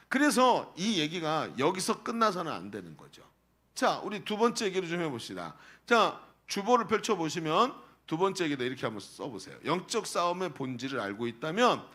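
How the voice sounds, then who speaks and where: A man's voice: high voice, sharp tone. A male pastor preaching a sermon, asking the congregation rhetorical questions.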